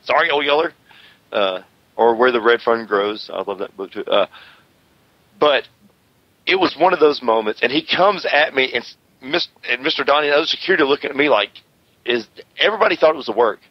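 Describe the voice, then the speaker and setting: A man's voice: medium pitch, brisk, no echo. A man hosting a wrestling radio show, telling stories in a boastful, rambling way. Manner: animated, boastful, rambling storyteller. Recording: slightly dull radio audio.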